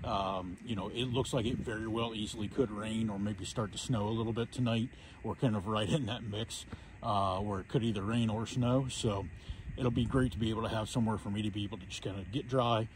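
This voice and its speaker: A man in his thirties talking casually to the camera outdoors at a campsite, relaxed and rambling with lots of fillers. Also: fairly low pitch, a little hiss or hum, low-quality recording. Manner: relaxed, rambling, many "uh"s and restarts. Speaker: outdoor vlogger. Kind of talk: casual gear talk to camera. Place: outdoors by a frozen lake, windy campsite.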